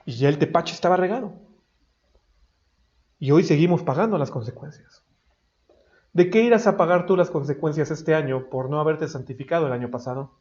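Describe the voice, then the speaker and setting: Male pastor, fervent sermon delivery, high voice, muffled audio. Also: brisk, pauses often. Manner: emphatic, rising to loud high-pitched exhortation. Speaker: preacher. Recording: dull lo-fi recording.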